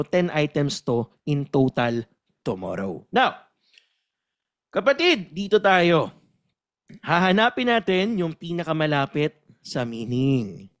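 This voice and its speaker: A man coaching exam takers in a lecture, switching between Tagalog and English, emphatic and animated, often asking questions and acting out examples. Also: high voice.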